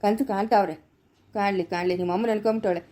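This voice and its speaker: Woman putting on a gruff older village man, commanding and vengeful, quick, dark tone, Chikkaballapura Kannada. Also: mid-range voice, steady tone, voice pushed down, close to an everyday voice. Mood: grim. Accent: Kannada, Chikkaballapura area. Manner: commanding, reassuring, threatening. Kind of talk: amateur family village drama.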